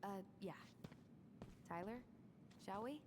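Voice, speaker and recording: An actress playing a caring, earnest young woman with a gently wry edge, heard as game audio. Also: mid-range voice, lively intonation, slow pace. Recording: game audio with ambient noise.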